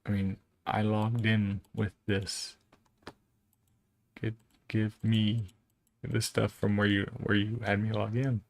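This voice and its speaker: A man muttering and swearing at his software under his breath while he works at a computer. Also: on the low side, little pitch movement, slow pace, vocal fry, pauses often, no echo. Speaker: streamer fixing computers. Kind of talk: casual muttering to himself while working at a computer.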